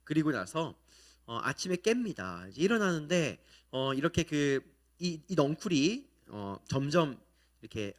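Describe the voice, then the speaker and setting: A man preaching a sermon as pastor, asking his listeners questions and acting out the quoted lines in animated voices. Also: fairly high pitch. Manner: asks the congregation questions.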